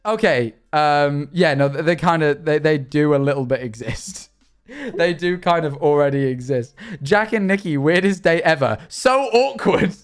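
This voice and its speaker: A man's voice: on the high side, normal speed, soft background music. A young British man chatting casually on a livestream, joking and rambling with frequent restarts. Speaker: streamer.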